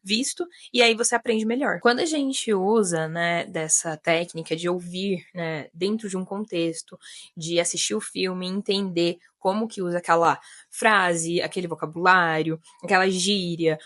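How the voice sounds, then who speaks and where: A woman's voice: on the low side, normal speed, fairly bright tone, no echo, studio quality. A Brazilian woman in her thirties, an English teacher, explaining tips in a chatty video lesson. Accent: Brazilian Portuguese. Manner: chatty, many fillers like né and sabe.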